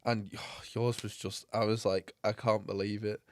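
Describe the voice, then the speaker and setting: A young man co-hosting a podcast, chatting casually and joking with lots of laughter and quick asides. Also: on the low side, level tone, no room sound. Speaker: podcast co-host. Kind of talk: casual chat.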